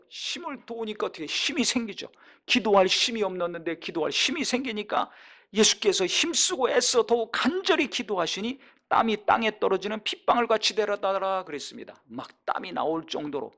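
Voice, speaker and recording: A pastor preaching a sermon, emphatic and full of rhetorical questions, his voice swinging between loud and quiet. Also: high-pitched, very animated, a little fast, creaky.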